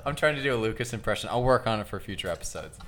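A man's voice: on the low side, lively intonation, rapid-fire, a bit bright, a little hiss or hum. A young man co-hosting a podcast, chiming in with dry teasing remarks in casual chat. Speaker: podcast co-host.

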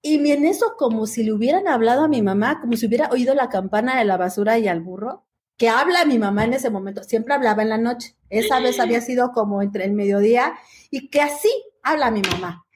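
Mexican woman host, high voice, funny anecdotes full of voices. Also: brisk, background noise. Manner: lively storyteller, mimics family voices. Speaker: talk show host. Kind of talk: casual chat, comic anecdote.

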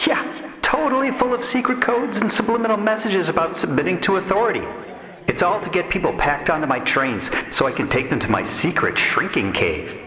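A dim, chummy villain's henchman played by a man in a comedic audio drama. He rambles casually in a bright, swooping voice with hall-like echo. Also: fairly high pitch. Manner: casual, rambling, over-explaining.

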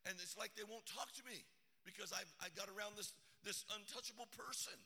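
A man's voice: high-pitched, a little fast, pushed and bright, breathy edge, long reverb tail. A middle-aged man from Arizona preaching a sermon, retelling a story dramatically with sound effects. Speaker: pastor.

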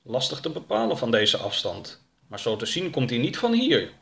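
A man voicing a stern, suspicious man of about fifty in a storybook reading, gruff and commanding. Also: mid-range voice, sing-song, normal speed, a bit bright. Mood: calm.

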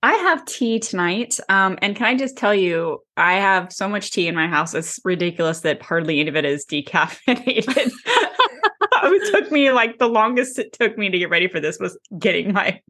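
A woman's voice: mid-range voice, very animated, normal speed, fairly bright tone. Chatty, tired woman podcast co-host. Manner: chatty, rambling, self-deprecating, laughs often. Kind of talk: casual chat.

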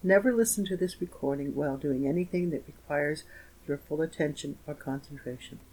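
A man narrating a scripted guided meditation in a slow, gentle, soothing manner with pauses. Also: fairly high pitch, poor audio. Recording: voice over meditation music. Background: soft instrumental music with guitar.

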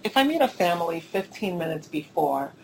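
A woman's voice: fairly low pitch, very animated, brisk, gravelly, a little mellow, a little hiss or hum, poor audio. A woman giving conversational, emphatic answers as an interview guest, repeating phrases for stress. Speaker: guest, school admissions consultant.

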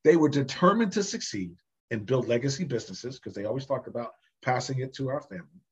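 A man's voice: medium pitch, animated, fast talker, slightly rough. A man speaking as a podcast guest, talking emphatically and animatedly about his business experience. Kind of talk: conversational podcast interview.

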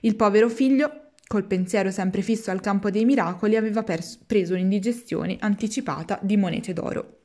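A woman reading a children's classic aloud, in a measured, expressive narrating voice. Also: medium pitch. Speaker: storyteller.

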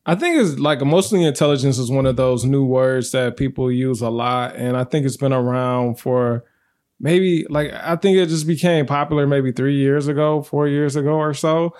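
A man's voice: mid-range voice, moderate pace, a little mellow. A man hosting a relationship podcast in casual chat, leading the topic in an easygoing way and laughing often. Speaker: podcast host.

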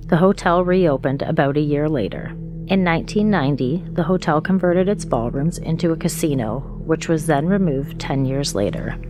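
Female narrator for haunted-history storytelling, low register, measured scripted read, music underneath. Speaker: narrator of haunted-place stories. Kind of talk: scripted documentary-style ghost story narration.

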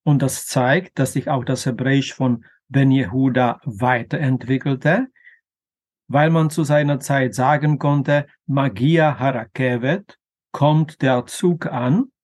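A man explaining grammar in a careful lecture, pronouncing example words slowly and deliberately, with an occasional filler. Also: mid-range voice, steady tone, darkish tone. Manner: slow, deliberate, careful pronunciation of Hebrew terms. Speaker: language teacher.

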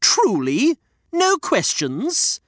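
A daft, excitable old man keeps cutting in on the storyteller, as a woman acts him out. His voice jumps upward in pitch and is recorded dry and close. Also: very slow, dry recording, heavily acted. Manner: silly, excitable interruptions.

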